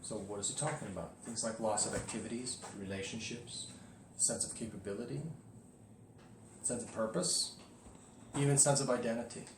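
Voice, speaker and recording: An Orthodox priest speaks to his parishioners in a home video shot indoors, his voice fairly low and his speed normal. He talks casually and candidly, pausing often and rising emphatically at points. The room is echoey, with faint background noise.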